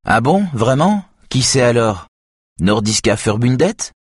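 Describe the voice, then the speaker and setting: A man's voice: on the low side, moderate pace, husky, no room sound, clean studio sound, voice pushed up. A man voicing a nervous, defiant young male hacker who talks in a tense, insistent way. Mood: excited.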